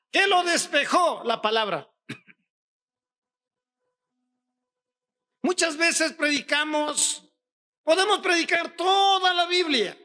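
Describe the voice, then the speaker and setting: A male pastor from Ecuador with a very high voice preaches a sermon, peppering the congregation with rhetorical questions and rising to shouts on key points.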